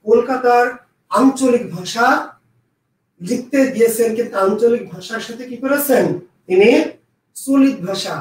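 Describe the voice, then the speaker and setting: A man's voice: extremely high pitch, unhurried, long pauses, darkish tone. A man teaching an exam prep lesson, repeating key answers and quizzing his students aloud. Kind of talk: lecture. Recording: echoey room, mic at a distance.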